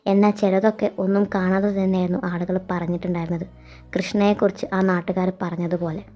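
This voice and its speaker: A woman narrating a fan fiction story in a steady, reflective way. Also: on the low side, fast. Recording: dull lo-fi sound. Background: background music.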